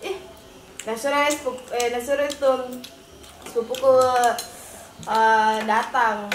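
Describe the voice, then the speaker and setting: A woman's voice: on the high side, steady tone, unhurried. A young woman, chatting casually over a meal. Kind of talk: casual chat while eating, mukbang. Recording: echoey room, clear noise, clattering dishes.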